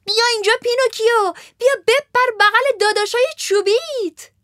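A woman's voice: very high voice, fairly bright tone, dry recording, studio quality, voice pushed up. A woman voicing an exuberant male puppet jester who exclaims dramatically.

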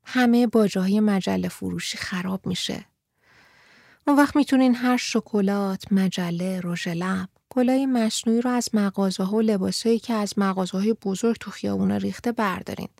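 A woman voicing a thoughtful sixteen-year-old girl who speaks earnestly and reflectively, with a gravelly edge in a dry room. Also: mid-range voice, no room sound. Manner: earnest, reflective, sometimes laughing softly.

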